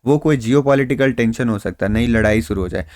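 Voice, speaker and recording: A man's voice: medium pitch, a little fast, a little mellow, dry recording, clean studio sound. A man giving casual, reassuring stock market analysis in a conversational way, mixing in English phrases. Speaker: stock market trader and YouTube host.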